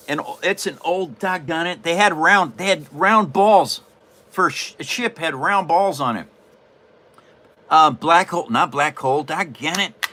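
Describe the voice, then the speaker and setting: A man's voice: a little high, sharp tone. A man from Washington State hosting a casual livestream while he builds a paper model, folksy and rambling with frequent chuckles. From Washington State, USA.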